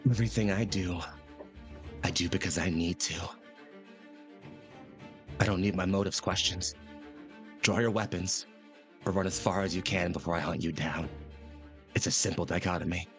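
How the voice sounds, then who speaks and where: A man's voice: low voice, steady tone, a bit bright, faint music behind. A man voicing a demonic, layered-voice ninja hunter. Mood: menacing. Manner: cold, threatening, slow. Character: menacing possessed male ninja hunter. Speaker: game master. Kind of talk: tabletop game voice acting.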